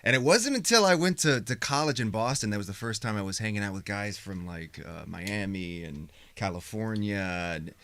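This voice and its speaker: An American man from Indiana chatting casually as an interview guest, halting and rambling as he searches for his words. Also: on the low side, sharp tone, dry recording. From Indiana, United States. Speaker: guest, stage performer.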